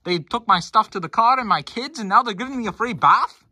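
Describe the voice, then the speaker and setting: A man's voice: high voice, fairly quick, husky, heavily acted. A man voicing a naive diner customer in an amateur comedy skit, clueless and swearing a lot. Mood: delighted. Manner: clueless, swears often, swings between flat and excited.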